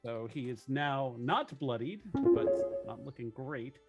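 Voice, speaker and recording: A man's voice: medium pitch, slow, highs cut off, loud music behind the voice. A man chatting casually as a tabletop game player, joking and muttering through his numbers.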